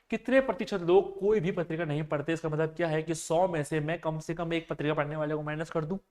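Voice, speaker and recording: A man's voice: high-pitched, darkish tone. A man teaching a maths and reasoning lesson for exam preparation, explaining step by step and checking often whether his students have understood. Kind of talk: exam-prep classroom lecture.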